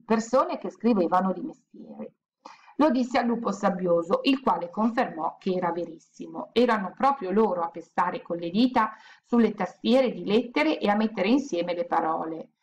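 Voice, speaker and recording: A woman reading a children's storybook aloud in a gentle, steady storytelling manner. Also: lowish voice, normal speed, muffled recording, a little hiss or hum. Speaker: audiobook reader.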